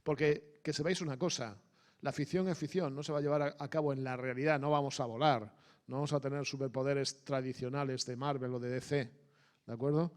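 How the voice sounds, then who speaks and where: A man's voice: medium pitch, brisk. A middle-aged man giving a conversational sermon, often checking in with the audience. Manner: animated, asks the audience frequent questions. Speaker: preacher. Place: church hall.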